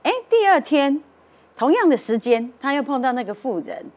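A woman's voice: high-pitched, very animated, moderate pace, a little mellow. A woman with a Taiwanese accent telling a story on a talk show, acting out the voices of the people in it. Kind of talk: animated storytelling. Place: television studio.

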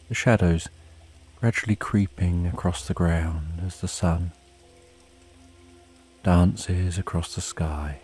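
A man narrating a bedtime sleep story in a calm, soothing, unhurried way with long pauses, as a sleep story narrator. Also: low voice, husky. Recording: soft rain behind the voice. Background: rain.

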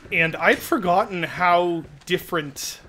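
A man's voice: high-pitched, a little slow, bright, forceful tone, slight background noise. A young man streaming a game, chatting casually, laughing often and muttering to himself as he plays. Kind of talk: casual gaming stream chat. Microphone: desk microphone.

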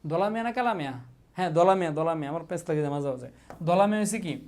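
Teasing coaching teacher. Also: male voice, on the high side, lively intonation, quick pace, a little mellow. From Bangladesh. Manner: teasing, repeats questions, mock threats, drills students. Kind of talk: casual exam-prep class.

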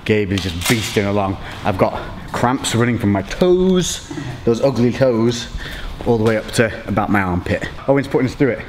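A man's voice: lowish voice, expressive, normal speed. A young man chatting casually in a blunt, heavily sweary way, like a fitness vlogger. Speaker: vlogger doing fitness training. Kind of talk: casual chat. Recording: noisy, with gym ambience.

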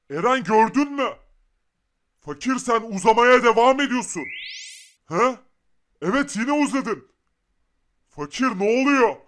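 A man plays a bossy but caring rich young guy in a blocky game cartoon. He speaks in a very high voice and keeps urging his friend by name. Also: a bit bright, exaggerated voice. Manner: urgent, repeats the friend's name. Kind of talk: Minecraft animation voice acting.

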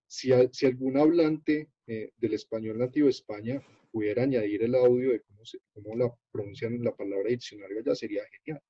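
A Colombian man runs an online workshop over a video call and walks through a page on screen. His voice is dark and mellow with a husky edge. The audio is dull and dry, with no room sound. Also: mid-range voice, dry recording. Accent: Colombian Spanish. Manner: unhurried, halting, many fillers and restarts. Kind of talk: explaining a screen-shared web page.

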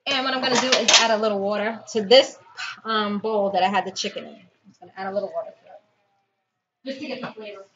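Talking fast in a mid-range voice, a woman in her thirties narrates each step of her home cooking for a chatty, casual vlog while busy with her hands. It's filmed indoors in a home kitchen on a nearby camera or phone mic, with dull lo-fi sound, loud noise and clicks.

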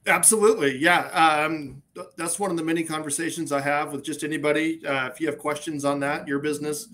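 A man's voice: fairly high pitch, fairly even intonation, fairly quick, fairly bright tone. Upbeat man consultant on a video call. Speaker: guest business consultant. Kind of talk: casual interview chat. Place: indoor office. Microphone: video call webcam.

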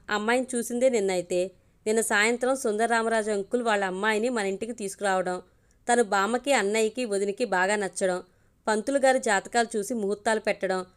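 A woman's voice: medium pitch, clear, resonant tone, close to an everyday voice. A woman voicing an anxious young man pleading with his best friend, in a storybook reading.

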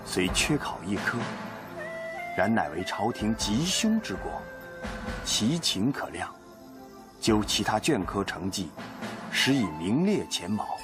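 A grave, slow court official. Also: male voice, fairly low pitch, over music. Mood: formal. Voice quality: steady, formal cadence. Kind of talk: classical-Chinese historical drama recitation.

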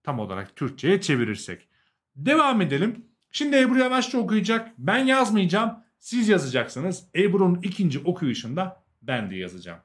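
Young male teacher, Turkish accent, highish pitch, very animated intonation, explanatory, repeats key words. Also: normal speed. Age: young adult. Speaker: language teacher, host. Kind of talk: live lesson, explaining and translating.

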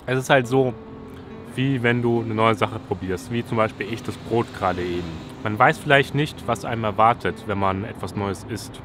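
A young man from Germany talking casually to a handheld camera outdoors in a relaxed, chatty way. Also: lowish voice. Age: young adult. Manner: relaxed, chatty, thinking aloud. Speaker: YouTuber. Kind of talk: casual vlog talk to camera. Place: outdoors by a city riverside railing. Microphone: selfie camera at arm's length.

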